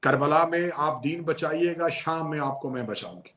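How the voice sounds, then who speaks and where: Grieving noblewoman, tearful and firm, as a preacher puts her on, higher voice. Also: normal speed, a bit bright, close to an everyday voice. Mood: tearful resolve. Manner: tearful, pleading recitation. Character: grieving noblewoman, resolute sister.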